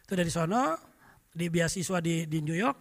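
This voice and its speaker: A middle-aged male pastor preaching, telling lively anecdotes and often turning to address the congregation. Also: fairly high pitch, moderate pace, long reverb tail. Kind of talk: storytelling sermon.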